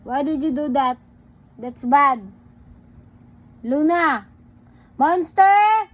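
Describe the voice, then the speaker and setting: A woman's voice: high-pitched, fairly even intonation, slow, fairly bright tone. A woman, playfully baby-talking and mock-scolding her little child at home, mixing English with words. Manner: mock scolding and counting aloud. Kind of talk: casual home video talk.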